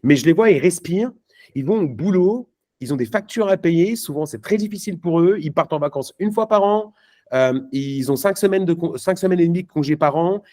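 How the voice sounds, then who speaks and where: A man's voice: fairly high pitch, expressive, brisk, warm tone. A man giving a live motivational talk at a network marketing event, punchy and emphatic, speaking casually to the crowd. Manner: many fillers and restarts, casual slang.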